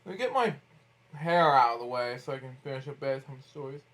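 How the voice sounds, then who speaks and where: A man hosts an informal bedtime story read-aloud, speaking haltingly and repetitively, with frequent interjections and asides. His mid-range voice is a bit bright, and his intonation is lively.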